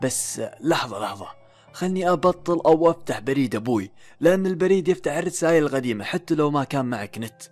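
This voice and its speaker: A man tells a horror story in the first person at a brisk, rushing clip. His voice sits a little high for a man. He builds suspense with pauses and questions to himself over faint background music. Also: expressive, darkish tone.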